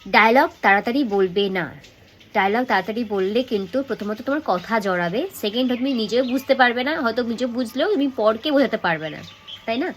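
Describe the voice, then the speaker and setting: A young woman acting coach explaining dialogue delivery, talking fast and checking in with her students. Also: fairly high pitch, slight background noise. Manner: speaks fast and checks in with "okay?", acts out dialogue lines softly as demonstrations. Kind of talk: acting lesson to camera.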